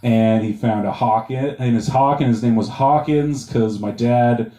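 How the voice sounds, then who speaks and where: Mid-range, unhurried and mellow, this comic from Montana rambles through a crude set that mocks himself, leaning on fillers. The club recording is roomy and distant, and the audience laughs along.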